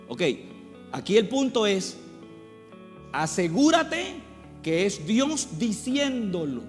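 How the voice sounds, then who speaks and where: High-voiced preacher in a reverberant church. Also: male voice. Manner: repeats phrases and asks the congregation questions. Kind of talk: sermon. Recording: reverberant hall with faint music.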